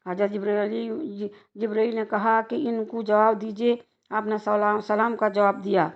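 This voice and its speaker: A woman narrating a devotional religious story in a steady recited manner. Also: medium pitch, normal speed. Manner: steady recitation with occasional restarts. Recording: dull lo-fi recording.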